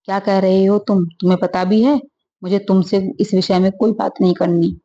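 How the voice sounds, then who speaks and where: A woman's voice: mid-range voice, steady tone, moderate pace, muffled recording, slight background noise, natural voice. A woman voicing an upset young wife. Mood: angry. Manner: sharp, upset questions. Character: young married woman, hurt and angry.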